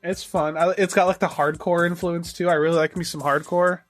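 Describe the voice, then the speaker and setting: A man with a somewhat high voice co-hosts a casual podcast chat. He talks in an enthusiastic, profane, rambling way, leaning on fillers, and faint music sits behind him. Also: little pitch movement, a little fast, a bit bright. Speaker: podcast co-host.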